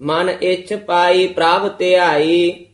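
A man reciting scripture in a steady, measured chant as a student. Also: high-pitched, reverberant.

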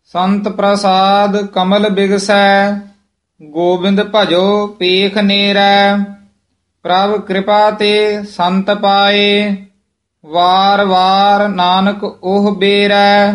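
A man with a high voice reads scripture aloud for his teacher. He goes very slowly and keeps a flat, chant-like tone. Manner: slow measured chant-like reading. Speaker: student reciter. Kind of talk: scripture recitation lesson.

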